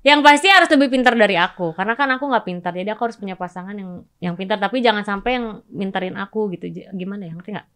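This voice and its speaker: A young woman from Indonesia, a podcast guest, answering in a relaxed, hesitant way with frequent giggles. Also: mid-range voice, racing, clear, resonant tone. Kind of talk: casual interview chat.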